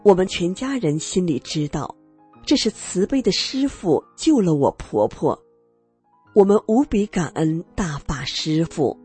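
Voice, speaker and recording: A woman narrating a first-person story on a radio program, earnest and expressive. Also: fairly low pitch, measured pace, slightly rough, soft background music.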